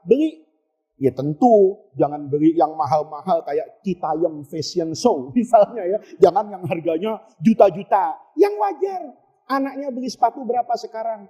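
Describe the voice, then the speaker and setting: A man's voice: sits high, mellow, breathy edge, highs cut off. A middle-aged man giving a humorous sermon, telling jokey stories and acting out the voices he quotes. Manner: jokey storytelling, acts out quoted voices, laughs. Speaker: preacher.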